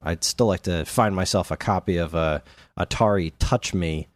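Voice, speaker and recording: A man co-hosts a podcast, chatting casually about video games and telling stories conversationally. His voice is low-pitched at a normal speed, with no room sound.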